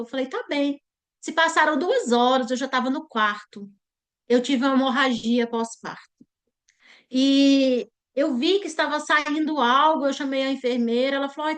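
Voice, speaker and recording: High-voiced Brazilian woman giving testimony. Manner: earnest, rising to high pitch at emotional peaks. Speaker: church member giving testimony. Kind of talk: emotional personal testimony.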